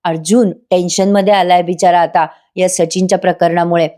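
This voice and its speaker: A woman's voice: on the low side, level tone, normal speed, warm tone. A woman giving a voice-over recap of a TV serial episode, chatting directly to her viewers. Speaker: TV serial reviewer.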